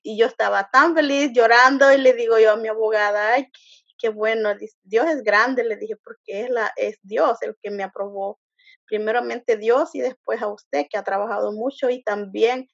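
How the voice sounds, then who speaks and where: Interviewee, woman, slightly high voice, earnest and halting, dull dry recording. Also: dry recording. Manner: earnest, halting with many restarts and fillers. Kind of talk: emotional personal testimony.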